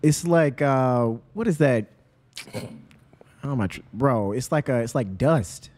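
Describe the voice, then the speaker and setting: A young man streaming a roleplay game, chatting casually with friends in an excitable, slangy way that keeps breaking into laughs. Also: medium pitch, measured pace.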